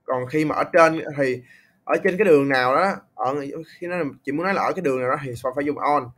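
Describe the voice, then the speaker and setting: A man's voice: a little high, fairly bright tone. Patient Vietnamese man tutoring English. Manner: patient, repeats words slowly to correct pronunciation. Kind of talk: online English tutoring, casual.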